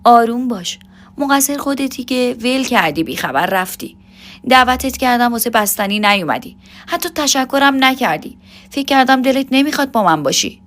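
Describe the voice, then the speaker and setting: A woman's voice: fairly high pitch, animated, fairly bright tone, pitched above the performer's own voice. A woman voicing a young man in love who is jealous and protective, speaking in pleading, teasing questions in an audio story. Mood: tender.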